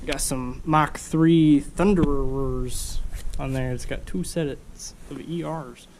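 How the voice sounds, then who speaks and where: Mellow, stuffed-up man in his garage workshop. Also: on the high side, slow pace, slight background noise, rough recording. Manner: relaxed, rambling, thinks aloud with fillers. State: stuffed-up nose. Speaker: car restoration vlogger. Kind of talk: casual workshop commentary.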